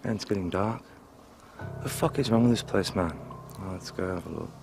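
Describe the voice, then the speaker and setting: A man's voice: low-pitched, moderate pace, vocal fry. An Australian man with a laconic outback drawl, giving off-the-cuff vlog commentary into a handheld camera outdoors. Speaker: YouTuber exploring eerie places. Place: outdoors in a forest. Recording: outdoor handheld camera audio under loud music.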